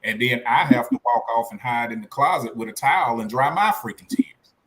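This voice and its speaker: A man's voice: mid-range voice, expressive, a little fast, a bit bright. Easygoing man hosting a podcast. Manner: easygoing, self-mocking humor. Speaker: podcast host. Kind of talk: casual chat.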